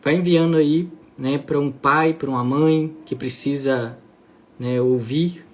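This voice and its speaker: A man's voice: fairly high pitch, steady tone, slow. A man, a pastor, hosting a live stream, speaking hesitantly with frequent fillers.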